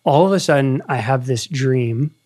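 This podcast host is a man in his thirties whose medium-pitched voice has a darkish tone and moves at a moderate pace. In a casual conversation, he tells an earnest story animatedly.

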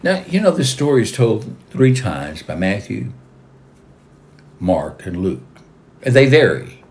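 A man preaching a sermon, retelling a gospel story slowly and dramatically, trailing off to a whisper at the ends of lines. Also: on the low side, big pitch swings. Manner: slow and dramatic, dropping to a whisper at line ends.

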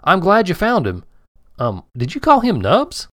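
A man's voice: high-pitched, huge pitch swings, a little slow, fairly bright tone, dry recording, studio quality, voice pushed up, exaggerated voice. Man putting on a folksy old farmer voice. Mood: surprised. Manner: rural drawl, homespun.

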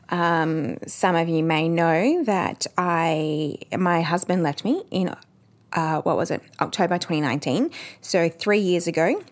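A woman talks straight to her listeners as a podcast host. Her voice sits a little low, and her chat is loose and candid, full of ums and restarts. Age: 30s. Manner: chatty and candid, frequent ums. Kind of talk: casual podcast monologue.

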